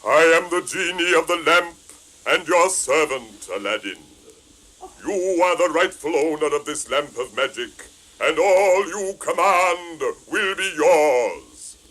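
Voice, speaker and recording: An actor playing a solemn, mighty genie who serves his master with slow, booming proclamations in an audio storybook. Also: animated, a bit bright, rough recording. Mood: grand, servile. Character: grand, solemn male genie of the lamp, servile yet mighty.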